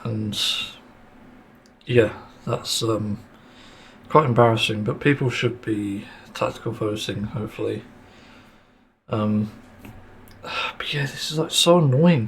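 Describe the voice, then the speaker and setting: A podcast host rants on his own, exasperated and frustrated, swearing and filling his talk with fillers and sighs. He has a sore throat and a mint in his mouth. His voice is mid-range, with slight background noise.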